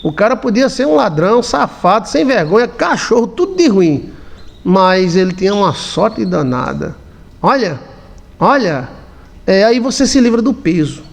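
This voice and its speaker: A man's voice: sits high, sing-song, moderate pace, gravelly. A man from Brazil, a pastor, preaching bluntly in everyday words and often asking his listeners if they understand. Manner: blunt and colloquial, asks the listeners questions. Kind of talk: sermon.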